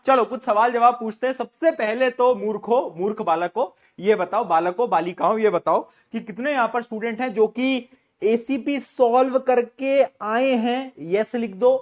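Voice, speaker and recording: A young man teaching science in a live online class. His voice sits high for a man. He teases and jokes with his students as he talks to them directly. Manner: playful, teasing, talks straight to students.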